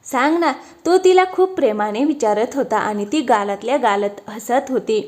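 A woman narrating a romantic family story in a gentle storytelling manner. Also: on the high side, moderate pace.

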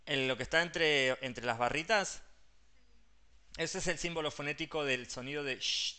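A man's voice: fairly high pitch, normal speed, pushed and bright, smooth. A man with a Rioplatense Spanish accent, an English teacher patiently explaining pronunciation step by step and mixing English terms into his Spanish.

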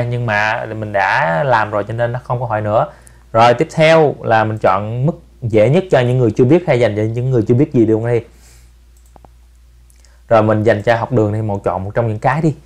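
A man, hosting a relaxed step-by-step app tutorial and softening his phrases with tag particles. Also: mid-range voice. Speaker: channel host giving an app tutorial. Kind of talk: casual screen-recorded tutorial.

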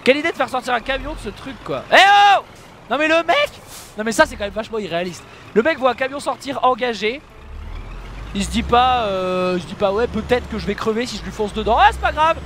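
This gamer speaks fast in a high, slightly bright voice, and a bit of hiss or hum is audible. He casually comments on his own gameplay, yelping at his errors and poking fun at himself for viewers.

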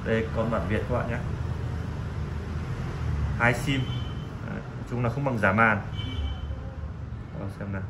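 A man gives a casual, halting sales pitch as a shop seller, often repeating himself. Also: steady tone. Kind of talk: casual sales pitch presenting used phones. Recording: clearly noisy room recording.

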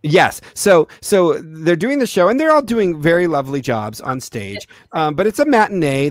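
A man hosting an interview, telling a funny theater story in a casual, animated way. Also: a little high, no room sound, studio quality. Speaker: host.

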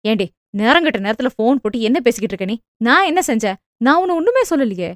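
Storybook figure, fretful scolding mother voiced by a woman, rattles along fast, high voice, dry close sound. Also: expressive, no room sound. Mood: defensive scolding. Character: anxious talkative middle-aged mother, defensive.

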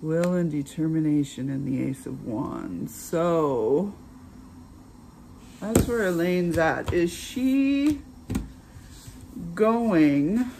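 A woman hosting her own channel, giving a casual tarot reading in an unhurried, chatty way with many filler pauses. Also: low-pitched, lively intonation, gravelly, dark tone, a little hiss or hum. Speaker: tarot reader and channel host.

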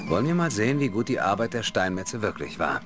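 A man's voice: on the low side, big pitch swings, quick pace, over music. A man voicing a cheeky, somewhat hesitant young adventurer hero in a fantasy video game. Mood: sly, coaxing.

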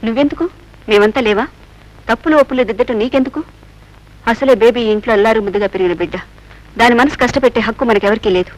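A woman's voice: on the high side, fast talker, long pauses, natural voice, rough recording. A woman playing a protective, scolding mother in film dialogue.

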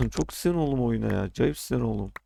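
A man's voice: medium pitch, animated, quick pace, vocal fry, dark tone, a little hiss or hum. A young man casually commenting on his own gameplay, often frustrated, ranting and swearing at the game. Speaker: gaming streamer.

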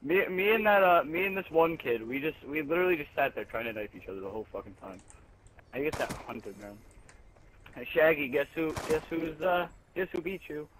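A young man chatting and swearing while playing an online shooter with friends, loud and joking. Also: on the high side, lively intonation, fairly quick, poor audio. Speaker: gamer. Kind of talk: casual multiplayer game chat. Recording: faint background noise.

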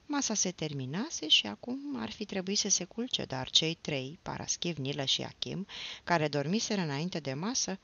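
Low, gravelly woman reading a novel. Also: expressive, fairly bright tone, lo-fi sound. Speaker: audiobook reader.

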